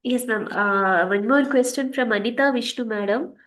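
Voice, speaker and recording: A woman's voice: fairly high pitch, moderate pace, a bit bright. Polite woman moderator. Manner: polite, deferential, reading questions. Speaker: moderator reading out questions. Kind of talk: online webinar Q&A.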